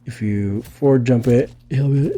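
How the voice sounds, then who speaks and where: A man with a medium-pitched, dark voice talks at a measured pace through a casual fighting game tutorial. As a gaming video creator explaining techniques, he rambles while thinking aloud and often checks in with "right?".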